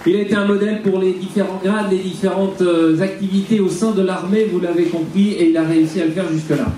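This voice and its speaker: High-voiced French man, very echoey. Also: fairly even intonation, fast, warm tone. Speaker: event presenter and interpreter. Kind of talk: live spoken interpreting to an audience. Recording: very echoey noisy venue, crowd, distant mic.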